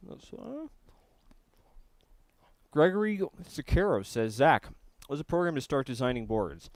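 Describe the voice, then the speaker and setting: While building electronics on a live stream, a young man with a medium-pitched voice eats and talks in an unhurried way, his pitch swinging widely. His chatter is loose, wandering, and full of restarted sentences, with no echo.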